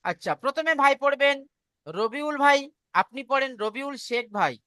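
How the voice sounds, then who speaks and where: A woman with a Bengali accent teaching an online Quran reading class, patiently praising students and drilling letter sounds slowly. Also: high voice, expressive, pushed and bright, no room sound.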